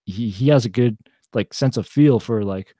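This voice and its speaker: A man's voice: medium pitch, normal speed, mellow, dry recording, studio quality. A young man chatting casually on a podcast, rambling with many fillers and restarts. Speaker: podcast co-host. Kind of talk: casual chat.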